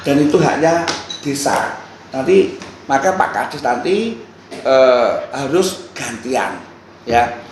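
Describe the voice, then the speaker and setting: A man speaking at a council hearing, halting and pausing, sometimes turning to question others in the room. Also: medium pitch, lively intonation. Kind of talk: spontaneous public address. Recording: echoey room with faint background noise.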